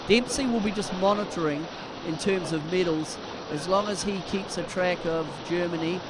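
A man giving expert live commentary on a sailing race, explaining technique with frequent halting restarts. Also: high voice, very noisy.

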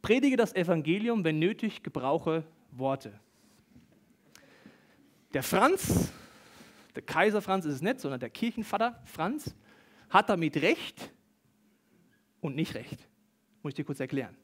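High-voiced animated preacher. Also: male voice, unhurried, pauses often. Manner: animated, acts out quoted voices, talks directly to the congregation. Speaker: pastor. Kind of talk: lively sermon with Bible reading. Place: church service hall with an audience. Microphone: stage microphone.

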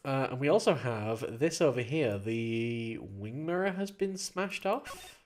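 A let's play gamer reading game dialogue aloud and commenting on the playthrough, playful and jumping into higher character voices. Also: animated, measured pace, a little mellow.

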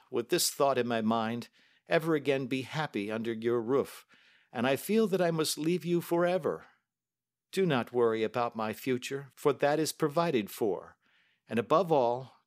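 A man's voice: mid-range voice, close to an everyday voice. A man voicing an overwrought aging banker. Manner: pleading and overwrought. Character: distraught older male banker, grief-stricken, excitable.

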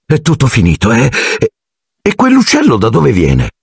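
A man voicing an eager, excitable teenage boy in a storybook reading. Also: medium pitch, normal speed, creaky, slightly rough, dry recording, studio quality, pitched above the performer's own voice, full character voice. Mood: excited.

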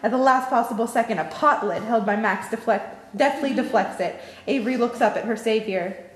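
A young woman with a slightly high, brisk voice narrates the stage directions for a group seated with scripts in an indoor lounge. It's an informal table read, and the room is echoey with a long reverb.

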